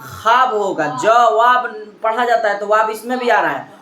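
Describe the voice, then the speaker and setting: A man's voice: high-pitched, a little slow, pushed and bright. A male teacher running a classroom quiz lesson, repeating the students' answers back to them and drilling each point with patient prompts. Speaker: Urdu grammar teacher. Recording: roomy classroom echo, faint background noise.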